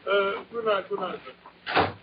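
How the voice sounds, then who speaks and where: An actor playing a kindly, bumbling British doctor, fussy and good-natured, in a 1940s radio drama. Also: male voice, high-pitched, little pitch movement, unhurried, noisy background. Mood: polite. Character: kindly, bumbling male English doctor, loyal companion. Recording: dull, lo-fi 1940s radio broadcast.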